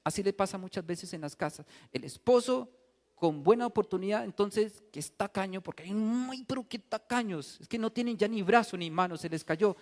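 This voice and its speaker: Brief: priest, sermon, lively and joking, high voice, long church reverb. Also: male voice, normal speed. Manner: animated, humorous storytelling.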